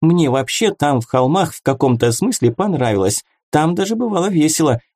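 A man reading an audiobook and voicing a chattering, cheeky female fairy who talks fast and excitably. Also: no echo, studio quality. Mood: excited chatter. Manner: rapid, excitable, squeaky.

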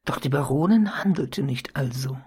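A reader narrating an old crime story as an audiobook, in a measured, deliberate storytelling manner. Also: medium pitch, expressive, mellow, breathy edge. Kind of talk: audiobook reading.

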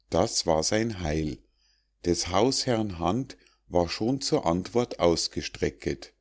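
A man reads old rhymed fables for an audiobook in a measured, recitative manner. His voice sits low. He takes the verse at an unhurried pace. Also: darkish tone. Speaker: audiobook narrator. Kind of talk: scripted narration of rhymed fables.

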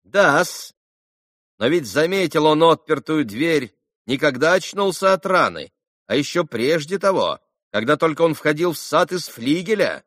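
A man voicing a calm, insistent male prosecutor who questions the accused deliberately in an audiobook. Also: fairly high pitch, no echo, studio quality.

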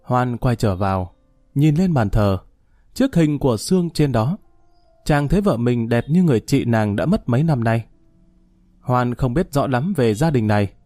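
A man narrating a story aloud in a steady, measured reading. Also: mid-range voice, no room sound. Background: faint music.

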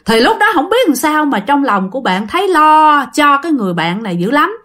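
Brief: Southern Vietnamese woman storyteller, animated, talks straight to listeners. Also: high voice, brisk. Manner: chatty, addresses listeners directly. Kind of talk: casual spoken storytelling.

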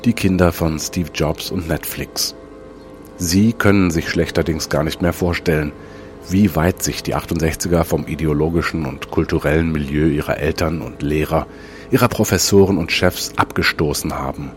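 Very deep-voiced man hosting radio. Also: steady tone, normal speed. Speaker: radio host. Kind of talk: scripted radio commentary and programme summary. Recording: music behind the voice. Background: music.

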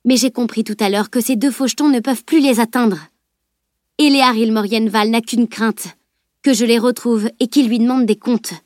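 A woman's voice: on the high side, fairly even intonation, normal speed, no room sound, clean studio sound, close to an everyday voice. A woman voicing a determined teenage girl who reasons aloud earnestly, in an audiobook. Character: determined teenage girl, young magic-user.

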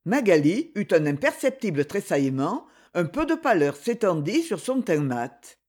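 A narrator reading a classic romance novel in an expressive, animated way. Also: medium pitch, normal speed. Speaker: audiobook narrator.

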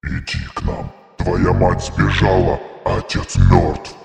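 A man voicing a cruel, gloating spider-like demon with a deep, growling, devilish voice, under a demonic reverb effect. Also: sing-song, slow pace, creaky, darkish tone, soft background music, heavily acted. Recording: long echoing reverb effect.

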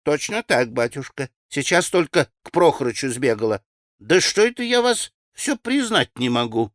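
A man voicing a flustered, chattering old servant woman in a high, shrill falsetto for an audiobook. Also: very animated, moderate pace, dry recording, studio quality. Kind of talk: audiobook character voice.

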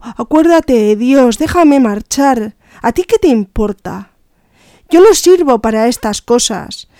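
A woman's voice: on the high side, dark tone, no room sound, studio quality. A woman reading aloud voicing a frightened young male peasant who begs and pleads. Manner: pleading, begging.

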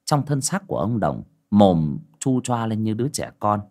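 A male audiobook narrator. His intonation is lively and rises and falls as he tells a spooky folk tale. The narration is scripted and steady. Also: lowish voice, normal speed. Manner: storytelling with expressive rises and falls.

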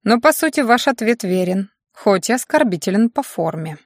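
A woman voicing a dignified, weary male magister who lectures his students in a measured way. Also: medium pitch, lively intonation, no room sound, clean studio sound, close to an everyday voice.

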